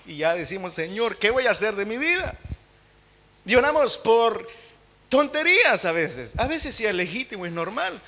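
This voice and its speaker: A young man from Latin America preaching a sermon in church, swinging from emphatic peaks down to low, intimate asides. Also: very animated, moderate pace, pushed and bright, slight background noise. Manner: impassioned, rising to emphatic peaks then dropping low and intimate.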